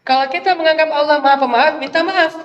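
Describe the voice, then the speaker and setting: A male preacher telling a religious story in a casual, conversational sermon, animated and chatty. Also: extremely high pitch, quick pace, dull audio. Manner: conversational, animated retelling with acted quotes. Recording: echoey hall, faint noise.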